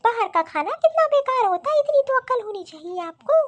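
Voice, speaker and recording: A woman's voice: very high-pitched, very animated, fairly quick. A woman voicing a spoiled young married daughter in a cartoon, whiny and demanding. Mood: indignant. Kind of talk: cartoon voice acting.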